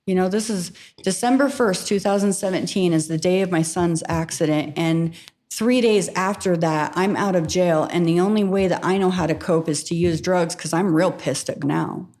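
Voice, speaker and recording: Low-voiced woman telling her story frankly. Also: moderate pace, darkish tone. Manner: frank, laughs easily, trailing fillers. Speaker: podcast guest sharing recovery story. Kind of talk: candid storytelling.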